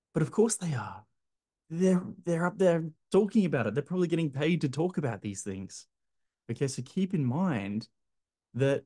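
A man's voice: mid-range voice, warm tone. A man, talking straight to camera as a business coach, emphatic and gesturing, calling the viewer his friend. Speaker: clinic business coach, video host. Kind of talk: direct-to-camera advice talk. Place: bright indoor apartment room by large windows.

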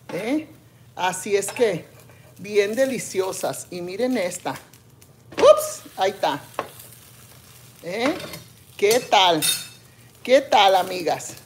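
Slow-talking chatty woman cooking. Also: mid-range voice, slight background noise. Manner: chatty, addresses viewers as friends, often trails into quiet asides. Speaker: cooking channel host. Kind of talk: casual cooking vlog chat. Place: home kitchen. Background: food sizzling in a pan.

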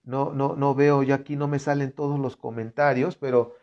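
A man's voice: mid-range voice, little pitch movement, normal speed, darkish tone, muffled recording. A man leading a live-streamed Bible reflection, reading scripture aloud and talking to viewers in an earnest, conversational way. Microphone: computer setup.

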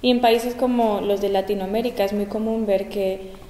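Casting: woman host of a community health talk, mellow tone, echoey gym recording. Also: mid-range voice, fairly even intonation, normal speed. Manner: clear, guiding questions. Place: large school gym. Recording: roomy echo, long gym reverb.

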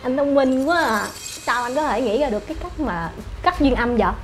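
Actress as young scheming wife, high and sugary, pleading; web drama with music bed. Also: female voice, animated, moderate pace. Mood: smug. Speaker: daughter-in-law. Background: background music.

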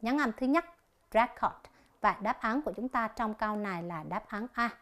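A woman teaching an English lesson on television, slowly explaining each exercise and reading the answer options aloud. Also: on the high side, expressive, a bit bright.

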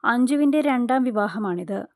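A woman narrating a scripted entertainment news voice-over in an even, measured reading. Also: fairly high pitch, no room sound, studio quality.

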